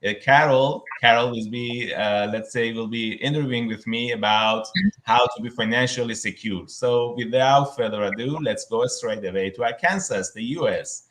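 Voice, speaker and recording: Man in his thirties, host of a live online chat, halting delivery, many fillers, mid pitch. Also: a bit bright, poor audio. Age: 30s.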